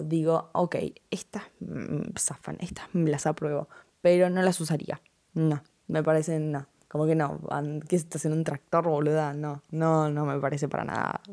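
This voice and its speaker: Teen girl, Argentine accent, casual vlog, blunt and dismissive, mellow tone. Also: lowish voice. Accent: Argentine Spanish.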